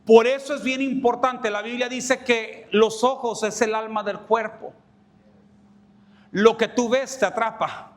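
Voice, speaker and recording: High-voiced passionate man preaching. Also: fairly even intonation, measured pace. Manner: passionate preaching, acting out quoted voices, bursts of shouting. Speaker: pastor. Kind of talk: sermon.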